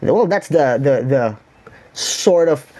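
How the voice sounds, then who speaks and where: A man's voice: on the high side, animated, slow, dark tone. A man with a Filipino accent, speaking as a consultant in an explanatory interview style, building points through repetition and lists. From Philippines. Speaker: branding consultant.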